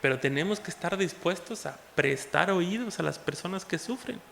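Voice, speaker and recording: A man with a Mexican Spanish accent preaches with fervor, his voice pitched high and bright. He swings from ringing exhortation to quiet asides. The sound carries a long church-hall reverb. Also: animated, normal speed, creaky, a little hiss or hum. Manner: impassioned, swings between loud exhortation and soft asides. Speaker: pastor. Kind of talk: sermon.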